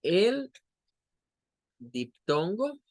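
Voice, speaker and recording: Slow, patient Spanish-speaking English teacher. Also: male voice, high-pitched, very animated. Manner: slow, patient explaining with drawn-out example words. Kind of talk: online class lesson.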